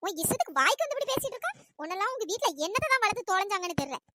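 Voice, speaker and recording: A performer voicing a domineering older mother-in-law who shouts and berates her daughter-in-law in a cartoon. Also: extremely high pitch, very animated, racing, slight background noise, exaggerated voice. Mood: scolding. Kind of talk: cartoon voice acting.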